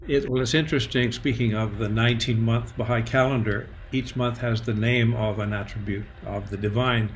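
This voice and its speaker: A man's voice: medium pitch, fairly even intonation, normal speed, hardly any pauses, a little hiss or hum. A man hosting a conversational interview, mostly affirming his guest and adding his own thoughtful reflections. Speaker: podcast host.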